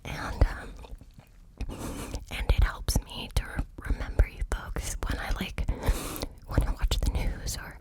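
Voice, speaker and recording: A woman's voice: slow pace, long pauses. A woman whispering into cupped hands close to the mic, ear to ear, in a hesitant, informal ASMR ramble. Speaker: ASMR content creator. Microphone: close microphone, ear to ear.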